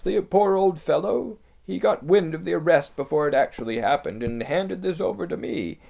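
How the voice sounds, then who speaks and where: A man voicing a wary, secretive talking beaver in a hoarse, throaty whisper, hushed and urgent. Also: high voice, normal speed, voice pushed up. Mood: confiding.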